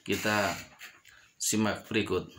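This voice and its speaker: Male tajwid teacher, unhurried, stretches each demo word, mid-pitched voice, light noise underneath. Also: little pitch movement. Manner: slow, drawn-out demonstrations of recited words, repeating each example. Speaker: Quran recitation teacher. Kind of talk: tajwid lesson.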